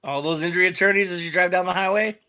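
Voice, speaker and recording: A man's voice: high-pitched, fairly even intonation, racing, bright, forceful tone, clear, resonant tone. A man co-hosting a casual sports podcast, trading dry, wry jokes. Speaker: podcast co-host.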